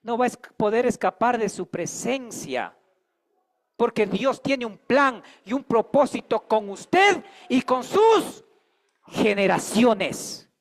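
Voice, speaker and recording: Man, very high voice, pastor preaching, emphatic, call and response. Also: very animated, takes it slowly. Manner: preaching with rising emphatic calls to the congregation; calls and responses, has the congregation repeat after him. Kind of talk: sermon.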